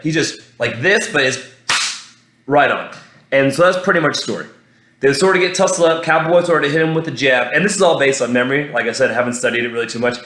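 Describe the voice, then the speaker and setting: A man hosting his own show, recapping a fight in a casual, rambling monologue, excitable and swearing freely, with lots of restarts. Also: fairly high pitch, roomy sound. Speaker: podcast host.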